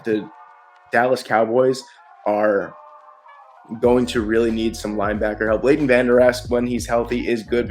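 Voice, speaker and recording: A man hosting a casual football mock draft video, talking with excitement and frequent restarts. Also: medium pitch. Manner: excited, rapid-fire picks with frequent restarts. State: short of breath. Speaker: sports video host.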